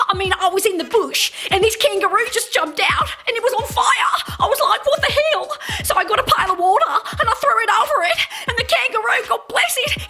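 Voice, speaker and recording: A woman voicing an excitable Australian bush woman, telling a yarn in a dramatic, exclamatory way with an Australian accent. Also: very high voice, voice pushed up, exaggerated voice.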